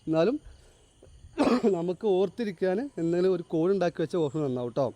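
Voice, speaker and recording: A male teacher giving a classroom lecture, explaining step by step, quizzing his students and reading English lines slowly and deliberately. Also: sits high, lively intonation, warm tone, no echo, dull audio. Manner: explains, then asks the class to answer.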